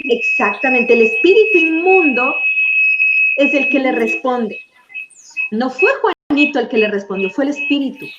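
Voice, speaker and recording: High-voiced woman preaching in an echoey room. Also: moderate pace, muffled recording, very noisy. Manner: lively, asks the audience questions. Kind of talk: conversational Bible teaching.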